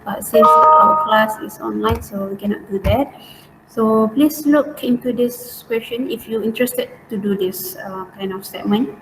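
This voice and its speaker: A woman's voice: fairly high pitch, moderate pace, over music. A woman with a Malaysian accent teaching an informal online lesson step by step, in colloquial Malaysian English sprinkled with particles like lah and eh. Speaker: accounting teacher. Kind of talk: informal online lesson, talking through worked steps. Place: indoors, online class. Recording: roomy, distant mic, faint noise.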